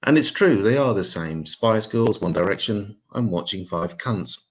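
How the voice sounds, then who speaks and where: A man doing a stand-up set of one-liners, deadpan and self-mocking. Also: fairly low pitch, normal speed. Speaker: stand-up comedian.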